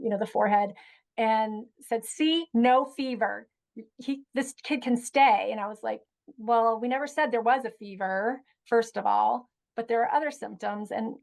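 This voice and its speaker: A woman educator telling a personal story in a relaxed interview, with frequent ums and you-knows. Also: on the high side, rough recording. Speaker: guest educator. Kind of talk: conversational storytelling.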